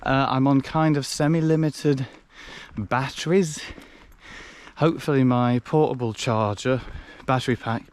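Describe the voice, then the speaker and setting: Slow, wry young man vlogging outdoors. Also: medium pitch, steady tone. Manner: wry, self-mocking and chatty, rambling with restarts. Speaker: hiking vlogger. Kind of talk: casual vlog to camera. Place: outdoors on a wooded fellside. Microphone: handheld action camera.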